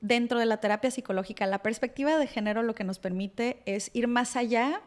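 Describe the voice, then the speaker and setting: Animated woman psychologist explaining. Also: fairly high pitch, fairly quick. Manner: animated, voices hypothetical clients in quotes. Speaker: psychologist guest. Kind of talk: conversational explanation.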